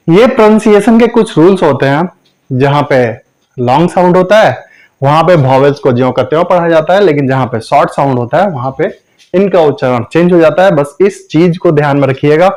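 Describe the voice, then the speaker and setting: A man who speaks teaches English pronunciation in a video lesson, with a voice sitting a little above the usual male range. He talks slowly and deliberately, going over each point more than once and drawing out every sample sound. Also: fairly high pitch, a little mellow, low-quality recording.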